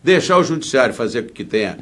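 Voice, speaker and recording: A man's voice: medium pitch, sing-song, fast talker, a bit bright. Indignant Brazilian man in a political interview. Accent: Brazilian Portuguese. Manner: indignant, emphatic, rambling. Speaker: political candidate being interviewed.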